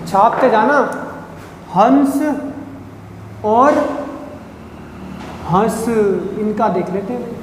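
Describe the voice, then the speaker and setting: A man's voice: very high-pitched, extremely slow, long pauses. A man teaching a grammar lesson at a board, drawing out syllables, repeating them and quizzing his listeners. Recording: echoey room with long reverb, faint noise.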